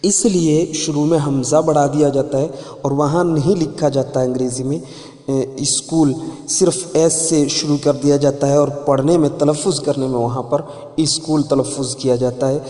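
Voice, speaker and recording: A male teacher talks through a grammar lesson, slowly restating each rule. His voice sits a little high. The room rings with a long, echoey reverb. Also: steady tone, mellow. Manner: patient, repeats key points for emphasis. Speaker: Arabic teacher.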